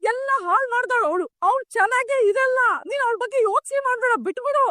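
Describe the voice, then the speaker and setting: A woman's voice: very high voice, fast talker, no echo, clean studio sound. An actress playing a mother who dotes on her son and snaps at the rest of the family in a TV serial. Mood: pleading. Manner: indulgent with her son, sharp with others. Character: doting, sharp-tongued mother. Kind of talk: TV serial acting.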